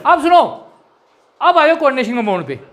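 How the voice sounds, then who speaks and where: High-voiced teacher man drilling a class. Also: big pitch swings, fairly bright tone. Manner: drills terms, asks quick rhetorical questions, spells words out letter by letter. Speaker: chemistry teacher. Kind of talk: classroom lecture. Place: classroom with students.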